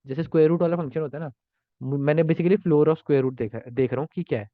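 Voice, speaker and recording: Quick-paced and slightly high-voiced, this man tutors programming by explaining contest solutions as he goes. Fillers and restarts pepper his thinking-aloud delivery. The sound is dry and narrow, resembling a phone.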